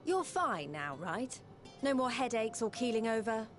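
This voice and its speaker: Frank, bright-pitched resistance commander. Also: female voice, big pitch swings, measured pace, soft background music. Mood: frank, friendly. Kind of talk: scripted fantasy game acting.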